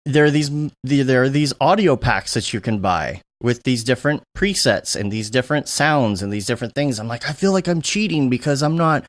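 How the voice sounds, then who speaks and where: A man's voice: medium pitch, lively intonation, fairly quick, hardly any pauses, no echo. Chatty male podcast host, dry sound. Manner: rambling, chatty, with many fillers. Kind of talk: casual podcast chat.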